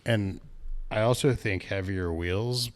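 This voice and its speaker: A man's voice: fairly low pitch, slow pace. A man co-hosting a casual podcast, talking in a rambling way, often correcting himself and laughing at his own stories. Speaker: podcast co-host, bike shop staff. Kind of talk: casual chat.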